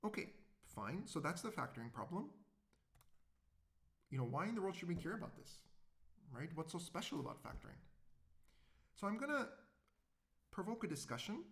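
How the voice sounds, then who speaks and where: A man's voice: on the high side, creaky. A man giving a public introductory lecture in a conversational way, often asking the audience rhetorical questions.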